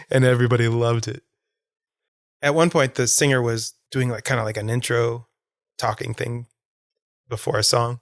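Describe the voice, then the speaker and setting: A man's voice: mid-range voice, dry recording, clean studio sound. A man hosting a podcast, rambling with enthusiasm about a concert and laughing often. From Florida. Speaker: podcast host. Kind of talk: casual solo podcast monologue.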